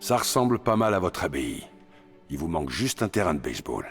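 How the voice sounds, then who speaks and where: A gruff, very deep-voiced mutant brawler. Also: male voice, very animated, brisk, fairly bright tone, faint music behind, full character voice. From Canada. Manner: blunt, sardonic, laid-back. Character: gruff grizzled male mutant brawler, blunt. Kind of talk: French video game dub.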